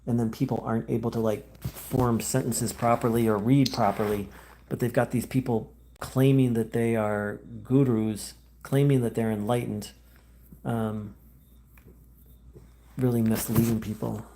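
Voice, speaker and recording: A man talks live into his phone as the host of a spiritual channel, stopping to read and answer viewer comments. His voice is dark and gravelly, with a mellow tone. He meanders through thoughts in a halting way, full of fillers and restarts, and stays gentle and conciliatory toward his viewers. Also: mid-range voice, steady tone, a little hiss or hum. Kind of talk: live-stream talk, reading viewer comments.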